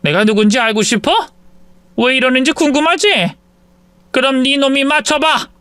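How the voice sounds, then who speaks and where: A man voicing a furious older mother-in-law in a story reading, scolding in a shrill, raised voice. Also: normal speed, sharp tone, smooth, dry recording.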